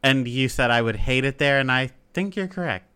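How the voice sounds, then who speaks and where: A man's voice: medium pitch, expressive, brisk, pushed and bright, clear, resonant tone. A man co-hosting a podcast in casual comedic banter, with a sassy, blunt manner. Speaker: podcast co-host.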